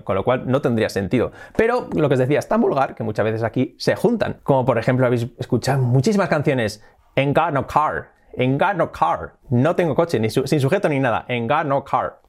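A man teaching English in an online video lesson, talking lively and emphatically and repeating words and example phrases. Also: mid-range voice. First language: Spanish.

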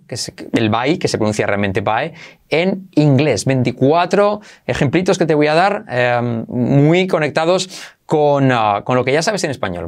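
Upbeat bilingual English-teacher man. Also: fairly high pitch. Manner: energetic, switches between Spanish and English, repeats examples slowly. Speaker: English teacher hosting a channel.

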